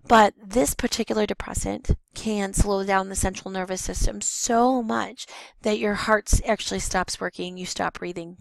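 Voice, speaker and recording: A woman teacher with a hoarse, gravelly voice talks through a slide lesson for her students. She explains plainly, stopping for ums and fixing her own words. The recording is close and dry. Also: mid-range voice, no room sound, low-quality recording. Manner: explanatory, with frequent ums and self-corrections. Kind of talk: recorded classroom lecture over slides.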